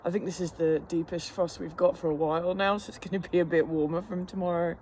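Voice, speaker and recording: A man with a fairly high voice talks casually to camera while sitting in freezing water. He rambles along in a matter-of-fact, self-deprecating way, coping with the cold. There is clear background noise, as of an outdoor recording. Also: level tone, quick pace, a little mellow. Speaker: fitness instructor vlogger. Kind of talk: casual chat to camera during a cold plunge. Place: outdoors in an ice bath.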